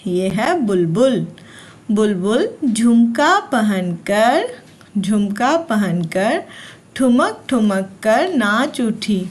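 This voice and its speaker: Slow, patient woman teaching young kids. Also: mid-range voice, very animated. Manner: repeats lines and asks then answers her own questions. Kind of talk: slow read-aloud lesson for young children.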